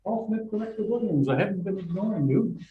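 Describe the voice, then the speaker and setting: A man's voice: high voice, lively intonation, fast talker. A man chairing a board meeting in a plain procedural manner, his voice muffled like speaking inside a fishbowl. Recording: muffled echoey boardroom audio, faint noise.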